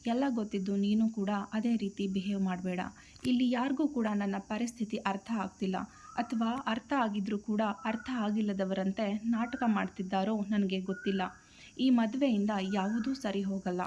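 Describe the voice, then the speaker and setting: A woman's voice: mid-range voice, fairly even intonation, normal speed, dark tone, slight background noise, natural voice. Woman voicing a heartbroken young bride. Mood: tearful. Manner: pleading, mixes English phrases.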